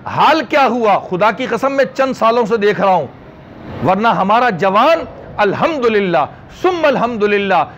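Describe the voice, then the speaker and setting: A man's voice: high-pitched, slight background noise. A man with a Pakistani Urdu accent preaching a religious sermon, emphatic, repeating phrases and asking rhetorical questions. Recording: dull lo-fi recording.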